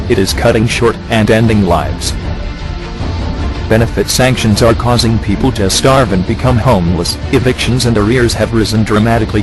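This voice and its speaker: Disguised deep male voice, low-pitched, over a music bed; flat, accusing protest statement. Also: low-quality recording. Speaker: activist spokesperson. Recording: clear music bed behind the voice.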